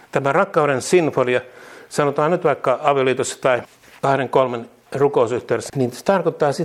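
A man preaching and leading prayer, repeating each phrase twice with bursts of laughter and exclamations. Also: mid-range voice. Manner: fervent declarations, calmer teaching later. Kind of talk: charismatic sermon and prayer.

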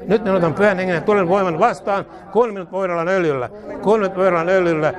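A man's voice: sits high, crowd noise. A man leading a charismatic healing prayer, chanting lines in repetition, speaking in tongues, and having listeners repeat each line after him. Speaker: preacher.

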